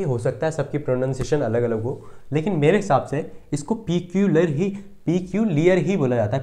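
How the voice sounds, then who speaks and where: A man's voice: medium pitch, warm tone. A man teaching English vocabulary in a casual online lesson, repeating each word and checking often that students follow. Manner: repetitive, checks understanding often, drills words.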